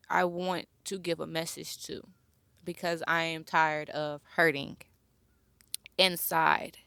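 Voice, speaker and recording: Slow, bright-voiced young woman podcaster. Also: lowish voice, creaky, dry recording. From born near Chicago, raised near Atlanta. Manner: slow, reflective, searching for words. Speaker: podcast host. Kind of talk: personal heartfelt monologue.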